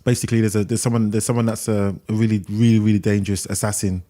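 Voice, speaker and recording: A British man co-hosting a casual film podcast, with soft rounded R sounds and a rambling, self-deprecating manner, often searching for words. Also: on the low side, little pitch movement, rapid-fire. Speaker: podcast co-host.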